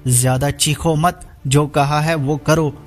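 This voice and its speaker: A man's voice: on the high side, fairly even intonation, slow, faint music behind. A man voicing a scheming young woman villain who talks in a sneering, taunting way. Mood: smug scheming.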